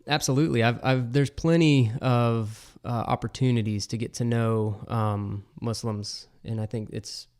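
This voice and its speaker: A man's voice: medium pitch, fairly even intonation, moderate pace, few pauses, a little mellow. A man hosting a podcast, talking through a topic in a casual, explanatory way with frequent fillers.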